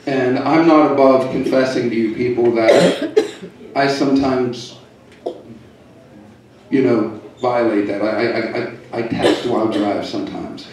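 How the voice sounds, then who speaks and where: This mid-range-voiced comic hails from the Pittsburgh area and works a hotel comedy club with deadpan jokes and rapid asides. The recording captures the echoey room from far away.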